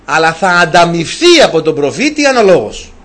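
A man's voice: on the high side, very animated, a bit bright. A man preaching a sermon, retelling a story animatedly and asking his listeners rhetorical questions.

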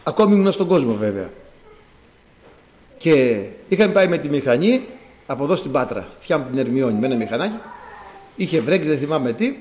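A man preaching a sermon to his congregation and telling a personal testimony. He talks in an animated way, swinging from loud exclamations to quiet asides, and acts out sounds as he speaks. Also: medium pitch, long pauses. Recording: echoey hall.

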